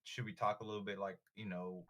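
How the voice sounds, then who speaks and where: Bright, slangy Californian bro guy. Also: on the low side, flat delivery, fast. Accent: Californian, Bay Area. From born in Southern California, raised in Richmond, California. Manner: slangy frat-bro talk, full of "like" and swearing. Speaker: podcast guest. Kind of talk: casual chat and storytelling.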